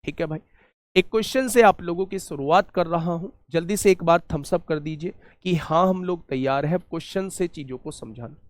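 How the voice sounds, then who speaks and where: A man's voice: on the high side, normal speed, no echo. A man teaching an online exam-prep maths lesson, explaining step by step and asking his students rhetorical questions.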